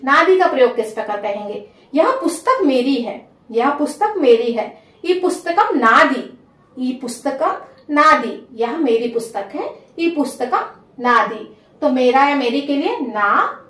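Lively high-voiced woman teaching slowly. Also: reverberant, distant mic. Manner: slow, repeats each phrase for dictation. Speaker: language teacher. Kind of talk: spoken language lesson.

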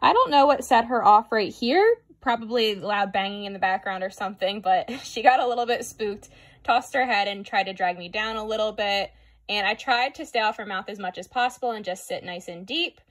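A woman's voice: medium pitch, brisk. A young woman giving a casual, chatty voice-over of her own horse riding footage, with a self-deprecating manner and frequent "like". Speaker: equestrian vlogger.

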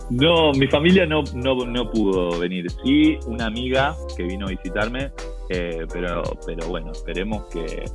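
A man's voice: on the low side, expressive, moderate pace, music in the background, low-quality recording. A man in his thirties with an Argentine Spanish accent, chatting as an interview guest over a video call, full of fillers and restarts. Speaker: interview guest, volleyball player.

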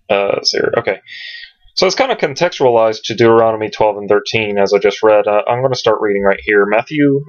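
Rambling man teaching scripture, lo-fi. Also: lowish voice. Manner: rambling, searches aloud, many ums. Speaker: Bible teacher. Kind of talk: casual scripture teaching at home. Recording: dull lo-fi home recording.

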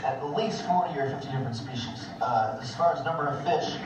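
A man's voice: a little high, fairly quick. A man, a dive instructor, giving easygoing, plain-spoken answers from underwater in an aquarium tank through the microphone in his full face mask. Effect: voice through a diver's full face mask radio. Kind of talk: casual live Q&A answers. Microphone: microphone built into a full face mask. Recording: muffled, distant, echoey underwater comms with hiss.

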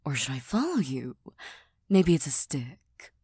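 A tired, serious cat girl, voiced by a woman in a soft ASMR role-play for ASMR. She speaks slowly and breathily in a low register. Her manner is deadpan and hesitant, gently teasing and quick to put herself down. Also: breathy edge, dry recording, studio quality, full character voice. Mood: wry, reluctant. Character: tired, serious, self-deprecating young cat-girl best friend.

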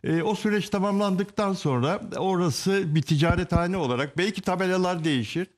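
An older man gives live studio commentary on a television panel. His voice sits fairly high for a man, and he explains things deliberately, often halting between phrases. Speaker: panelist on a TV magazine show.

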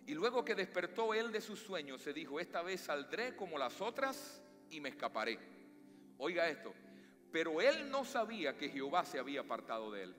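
A high-voiced, bright Latin American pastor preaching fervently to his congregation, swinging between loud climbs and slow, stressed lines. His voice rings with a long church reverb, and soft music plays underneath. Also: sing-song. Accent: Latin American Spanish. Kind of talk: sermon. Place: church sanctuary.

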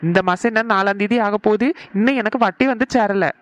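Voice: mid-range voice, fairly quick, no room sound, close to an everyday voice. A voice actor playing a stern male village moneylender, blunt and demanding. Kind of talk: cartoon voice acting.

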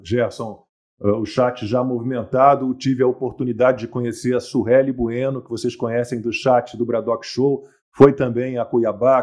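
A man with a dark, mellow voice hosts a live talk show. He chats easily, greets guests by name and tags his points with little questions. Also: medium pitch. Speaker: show host.

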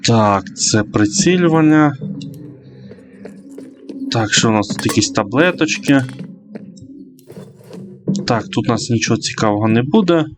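A man's voice: mid-range voice, expressive, measured pace, pauses often, music in the background. Hesitant man narrating his gameplay. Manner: hesitant, full of fillers and self-corrections. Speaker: let's play streamer. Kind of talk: casual gameplay commentary.

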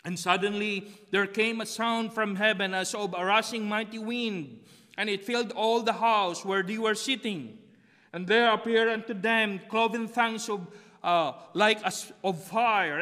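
A middle-aged pastor from the Philippines, whose native tongue is Tagalog, gives a sermon with a Filipino accent in an empty sanctuary, leaning on repeated phrases. His high voice has a sharp tone and moves a little slowly. A pulpit mic on a stand and far camera record it amid long hall reverb.

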